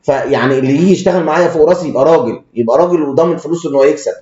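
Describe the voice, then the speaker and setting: In a fairly high, warm voice, the man fires off his words, offering rapid technical stock commentary that is crude and blunt, with an Egyptian Arabic accent and many stumbling restarts. The audio is dull and lo-fi, from an echoey room.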